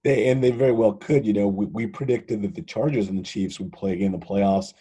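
A man hosting a sports podcast with a gravelly voice, hoarse from laryngitis, moving between football talk and sponsor copy. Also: on the low side, steady tone, brisk, mellow. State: hoarse voice, sore throat.

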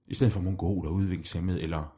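Man, lowish voice, deadpan comedy banter, halting restarts, mock sexologist. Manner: hesitant, halting with many restarts. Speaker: comedy guest playing a sexologist.

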